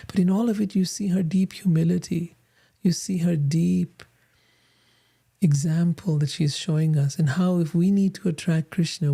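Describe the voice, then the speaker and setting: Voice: medium pitch, vocal fry, warm tone, slightly rough. A spiritual teacher giving an earnest, reflective talk on scripture with small asides. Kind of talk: scripture reading and devotional talk.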